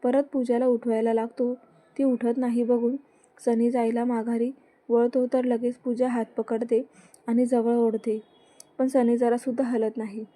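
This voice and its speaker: A woman reading a romance story aloud in a plain, steady way. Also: a little high, measured pace.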